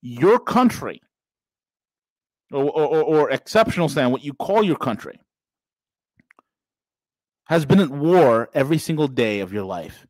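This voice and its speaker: A man's voice: fairly high pitch, lively intonation, measured pace, pauses often, dry recording. A man in his forties hosting a casual political podcast, speaking straight to listeners with preachy, rising emphasis. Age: 40s. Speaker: podcast host.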